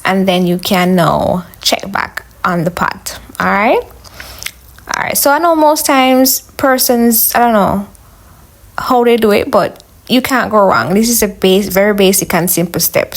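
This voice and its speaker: Woman, Jamaican accent, mid-range voice, casual cooking narration, chatty, instructional. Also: mid-range voice. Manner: chatty, instructional, addressing viewers as guys. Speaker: home cook, video host.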